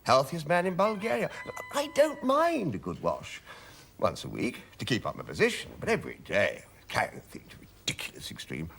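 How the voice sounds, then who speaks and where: A man's voice: mid-range voice, wildly swooping pitch, a little fast, vocal fry, a bit bright, slight background noise, heavily acted. An actor playing a genial, blustering middle-aged army major who chuckles as he talks. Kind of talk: stage play acting.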